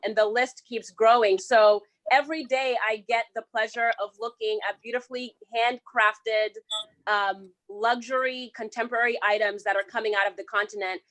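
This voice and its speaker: A woman's voice: mid-range voice, fairly bright tone, rough recording. A woman from Zimbabwe speaking in a casual, conversational way as a founder on an online panel. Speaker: shop founder. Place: inside her shop during a thunderstorm.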